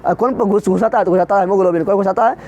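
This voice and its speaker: A man's voice: high voice, rapid-fire, darkish tone. A male teacher giving a colloquial, emphatic classroom lecture, constantly quizzing students with repeated questions.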